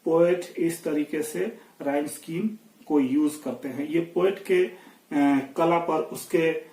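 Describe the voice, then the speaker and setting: A man with an Indian accent teaching poetry, explaining slowly and carefully in a lesson. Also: a little high, fairly even intonation, mellow, roomy sound, recorded from a distance, poor audio. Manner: slow explanatory, reads verse aloud slowly. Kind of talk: Hindi-English poetry lesson.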